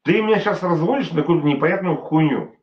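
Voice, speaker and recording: A drunk man from Transnistria argues over a dull, muffled call line, sitting a little above the usual male pitch. He rambles, curses and insists on his point. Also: fast, a crowd in the background. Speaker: caller. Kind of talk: heated phone argument.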